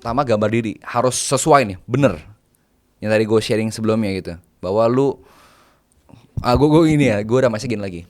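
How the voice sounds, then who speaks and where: A man's voice: fairly low pitch, fairly quick, darkish tone. A man, a private banker, chatting casually as an interview guest, mixing in English phrases and laying out numbered tips.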